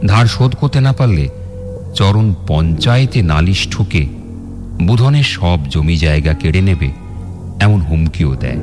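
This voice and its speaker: An actor playing a man recounting his own eerie tale, with suspenseful, dramatic radio narration. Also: low voice. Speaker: storyteller narrator. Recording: background music under narration.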